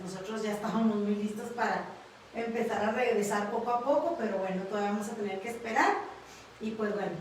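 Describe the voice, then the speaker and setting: Mexican woman, Bible class teacher, slightly high voice, tag questions throughout; distant mic in a very echoey room with faint noise. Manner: frequent tag questions and fillers.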